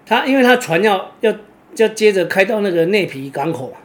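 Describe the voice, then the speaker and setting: A man with a Taiwanese Mandarin accent telling a personal story casually, rambling and filling pauses with drawn-out "oh"s. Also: high voice, big pitch swings. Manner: rambling, fills pauses with drawn-out "oh"s, restarts words. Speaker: kitesurfer vlogger.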